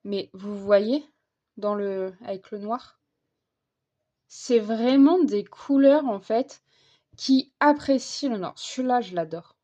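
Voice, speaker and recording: A woman's voice: a little high, takes it slowly, mellow, dull audio. A young woman chatting casually while coloring at her desk, hesitant and full of fillers and restarts. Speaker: vlogger. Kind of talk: casual coloring vlog chat.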